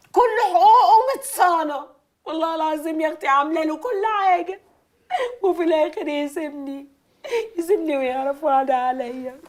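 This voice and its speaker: An actress playing a betrayed newlywed wife with an Egyptian accent, shouting and sobbing. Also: female voice, high voice, lightly acted. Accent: Egyptian Arabic. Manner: wailing, shouting, sobbing outbursts. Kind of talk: Egyptian TV comedy drama.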